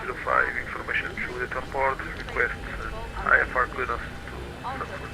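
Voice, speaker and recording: A man speaking as a pilot over a headset radio, giving halting readbacks and requests to air traffic control. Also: animated, creaky. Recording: noisy radio with engine rumble.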